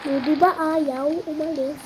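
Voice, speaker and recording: A gameplay streamer giving casual, excitable commentary with teasing chatter and frequent exclamations. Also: sits high, normal speed, background noise.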